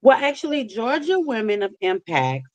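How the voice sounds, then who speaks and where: A woman's voice: on the high side, big pitch swings, normal speed, a little mellow, muffled recording. A middle-aged woman with a New Orleans accent, chatting casually as a talk show guest. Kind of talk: casual chat.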